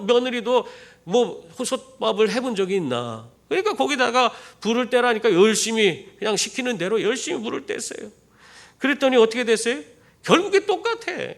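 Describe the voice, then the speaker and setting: A man preaching a sermon as pastor, telling stories with rhetorical questions to the congregation. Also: high-pitched. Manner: animated storytelling with rhetorical questions. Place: church.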